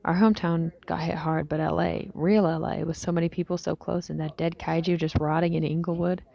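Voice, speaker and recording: Playing a weary young female survivor in an audio drama, a woman speaks her diary into a recorder with a deep, dark, mellow voice and strong vocal fry. Her tone stays steady as she reflects in a hesitant, understated way, lines trailing into breath. It feels somber and nostalgic, a scripted monologue.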